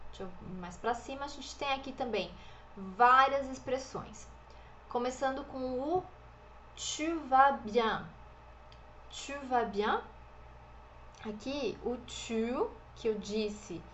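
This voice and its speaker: A woman teaching an online French lesson, enunciating slowly and carefully and drawing out example words. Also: fairly high pitch, fairly bright tone, muffled recording, slight background noise. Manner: slow, careful enunciation with drawn-out model words.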